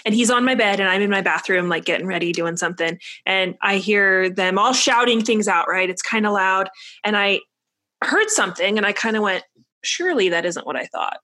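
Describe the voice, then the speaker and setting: Bright-voiced woman telling family stories. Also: mid-range voice, a little fast. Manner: expressive storyteller, quotes her son and family. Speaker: podcast co-host. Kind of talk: casual chat.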